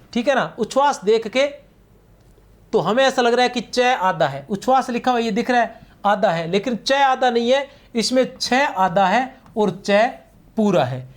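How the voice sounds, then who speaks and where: In a very high voice and an unhurried pace, a male teacher runs a grammar class for exam preparation. He repeats explanations patiently, stretches key words as he writes them on the board, and frequently asks his students "theek hai na."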